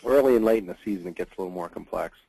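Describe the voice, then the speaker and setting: A man's voice: low voice, rapid-fire, vocal fry, dark tone, a little hiss or hum, poor audio. A man presenting as a hurricane scientist in a webinar, explaining earnestly with frequent fillers over a computer mic.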